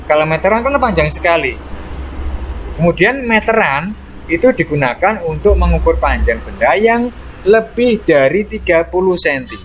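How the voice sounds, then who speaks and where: A man's voice: a little high, lively intonation, normal speed, slight background noise. A man explaining a primary-school lesson to young children, patiently and with frequent "nah" and "ya" tags. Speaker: teacher.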